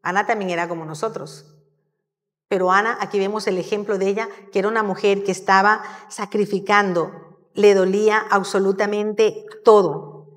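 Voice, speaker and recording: A woman giving a sermon in a church, telling the story in a lively, conversational way. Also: medium pitch, normal speed. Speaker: church speaker. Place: church hall. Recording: long hall reverb.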